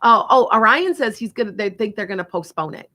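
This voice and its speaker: Hosting a psychic radio show, a Wisconsin woman chats in a rambling way, mixing casual talk with psychic readings and laughing often. Her mid-range voice has a sharp tone, lively intonation and a fairly quick pace.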